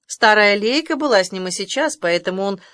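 Female audiobook narrator, measured, expressive reading, close dry mic. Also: mid-range voice, dry recording. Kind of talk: scripted narration.

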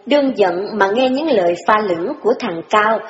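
A woman giving steady, measured scripted narration of an audiobook. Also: mid-range voice, a crowd in the background. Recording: dull, roomy reverberant audio with faint music.

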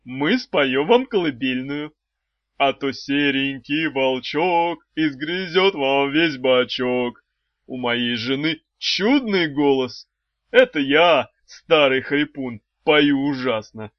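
A man's voice: on the high side, animated, dry recording. Man playing a wheezy, unctuous old brain-eater. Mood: doting. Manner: slow, sugary, polite. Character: genteel old male brain-eating shopkeeper, unctuous and tender. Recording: dull, slightly lo-fi dry recording.

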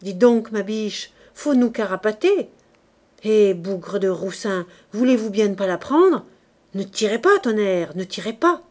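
A woman reading a novel aloud, voicing a delirious, terrified working-class drunk who shouts rough slang in a hoarse voice. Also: animated, a little slow. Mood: frantic. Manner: loud slangy outbursts, raised pitch. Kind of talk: audiobook character voice.

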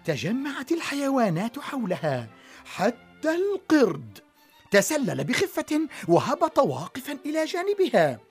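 A woman narrating a children's story in an expressive, dramatic way. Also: high-pitched, unhurried, breathy edge, soft background music.

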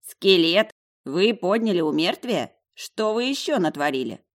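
Brash young talking dog in a fantasy audiobook, really a cursed boy necromancer, boastful and teasing, always ready with a cheeky jab. A woman with a deep, low voice plays him, lifting her pitch a little. He talks with swagger, as if nothing could touch him. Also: animated, moderate pace, natural voice. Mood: alarmed. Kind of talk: audiobook character voice.

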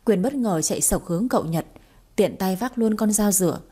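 Woman narrator, audiobook, warm tone, breathy edge, lively storytelling. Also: mid-range voice, brisk.

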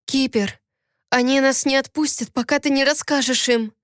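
A woman's voice: sits high, steady tone, moderate pace, dry recording, clean studio sound, voice pushed up, natural voice. A woman voicing a frightened young wife who pleads with a trembling voice. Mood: pleading.

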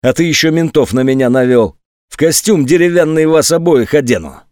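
A man's voice: fairly high pitch, expressive, fairly quick, darkish tone, dry recording, clean studio sound, close to an everyday voice. A man voicing a menacing, drunk adult male burglar who snarls coarse threats. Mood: threatening.

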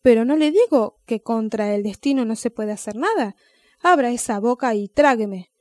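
A crafty, patient old male snail, as a woman puts him on in a storybook reading. He coaxes and lectures in a raised, fairly high voice. The sound is dry and close. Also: expressive, moderate pace, darkish tone, dry recording, natural voice. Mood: insistent.

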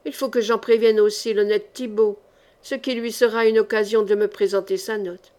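A woman's voice: medium pitch, fairly even intonation, normal speed, darkish tone, close to an everyday voice. A woman reading the part of an ironic, fearless male chevalier, with a dry, mocking delivery that turns threatening. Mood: menacing. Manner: dry, mocking, then menacing.

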